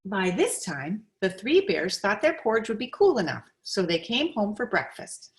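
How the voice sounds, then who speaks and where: Expressive and deliberate, a woman with a medium-pitched voice reads aloud from a children's picture book as a storyteller.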